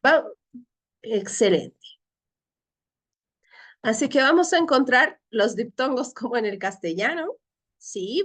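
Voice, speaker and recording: A woman's voice: on the high side, a bit bright. A woman teacher leading a Greek class, explaining patiently step by step and often checking with her students. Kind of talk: online class lecture.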